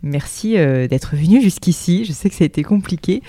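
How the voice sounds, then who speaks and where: A woman hosting a podcast, her voice mellow and warm as she works through long, winding questions. She pauses and hesitates often, and she is recorded close with no room sound. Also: on the low side, expressive, dry recording. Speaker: podcast host. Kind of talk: casual podcast interview.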